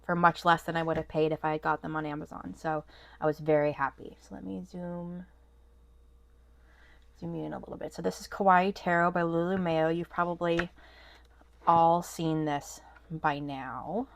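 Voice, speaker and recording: With a low, gravelly voice that barely moves in pitch, a woman speaks at a moderate pace, stuffy and nasal from a cold. She rambles through a casual haul vlog at her home desk, full of ums and restarts, and there's no room sound.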